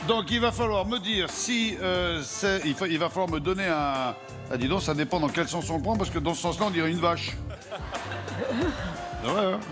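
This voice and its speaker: A man's voice: sits high, normal speed. A man hosting a TV game show, joking and teasing the contestants in a studio with a live audience. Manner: teasing, playful banter with contestants. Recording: studio audience and loud music behind.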